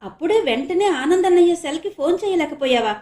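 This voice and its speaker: A woman's voice: very high-pitched, expressive, a little fast, a little mellow, roomy sound, pitched above the performer's own voice. A woman voicing an anxious middle-aged father who speaks with agitated urgency. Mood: worried.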